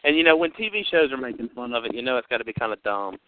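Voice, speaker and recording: Rapid-fire and animated, a medium-pitched male podcast host chats casually over the phone, rambling cheerfully with fillers. The line sounds narrow and dry, with no room sound.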